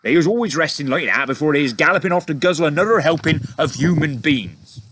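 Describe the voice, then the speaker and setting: A man voicing a huge, gentle male giant who talks in muddled words and broken grammar. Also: a little high, expressive, quick pace, background noise, pitched above the performer's own voice, lightly acted.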